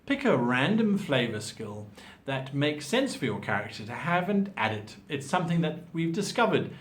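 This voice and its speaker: A host delivers an instructional monologue offering advice on tabletop role-playing games, explaining things articulately and with emphasis. His voice is a little high and very animated, at a moderate pace.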